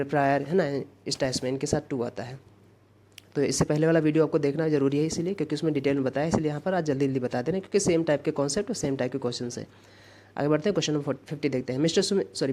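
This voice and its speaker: A man teaches an exam-prep English grammar lesson. He explains each answer step by step and repeats the key forms. He reads the example sentences out slowly and carefully. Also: a little high, a little mellow.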